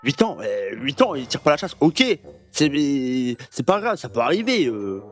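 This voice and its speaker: A young man doing casual, joking reaction commentary for viewers, slangy and animated. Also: medium pitch, moderate pace, soft background music. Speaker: YouTuber reacting to reviews.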